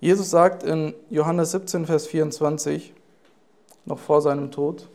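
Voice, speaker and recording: A man giving a sermon in a slightly higher voice. He speaks earnestly and sometimes stops to search for the right words. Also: steady tone, unhurried, darkish tone. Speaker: preacher.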